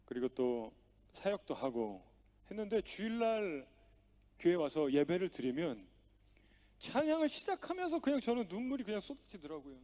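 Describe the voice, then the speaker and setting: A man's voice: high-pitched, very animated, moderate pace, warm tone. A man preaching a sermon as pastor, telling stories with acted-out dialogue and strong emphasis. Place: church sanctuary.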